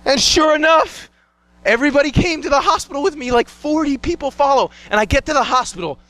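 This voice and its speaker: A young man with a very high, bright and sharp voice performs a one-man stage show. He tells his story in an animated way, acting out the scenes and slipping into other voices. The sound is dry and close. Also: fairly quick, no echo.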